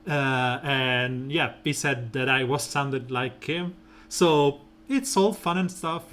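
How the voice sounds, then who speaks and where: A man streams a mobile game and rambles casually about team strategy, filling his talk with plenty of fillers. His voice is soft and smooth, turning deep when he slows down.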